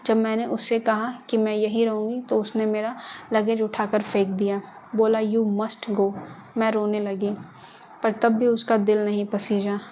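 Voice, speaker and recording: A woman's voice: mid-range voice, flat delivery, a little slow, darkish tone, lo-fi sound, slight background noise, lightly acted. A woman voicing a frightened young woman who speaks in a shaky, pleading way. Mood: tearful. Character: frightened, tearful young woman murder suspect.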